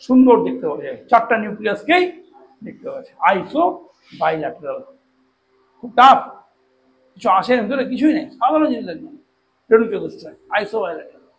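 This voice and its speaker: A man teaching a classroom biology lesson, slowly spelling out long terms and often checking that students follow. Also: very high voice, sing-song, fairly bright tone, a little hiss or hum, rough recording. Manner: slow deliberate spelling out of terms, frequent check-ins. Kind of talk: classroom lecture.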